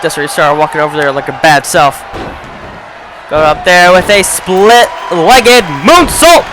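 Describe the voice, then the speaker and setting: High-voiced man shouting wrestling play-by-play. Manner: fast play-by-play, often shouting. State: losing his voice. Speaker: play-by-play commentator. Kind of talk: video game wrestling commentary. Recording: crowd noise and game sound behind.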